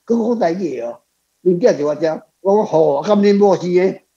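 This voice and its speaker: Answering questions off the cuff, a guest author with a Taiwanese accent rambles through anecdotes in conversational talk, repeating phrases. He talks fairly quickly with lively intonation in a mellow voice that sits high, and the sound is lo-fi.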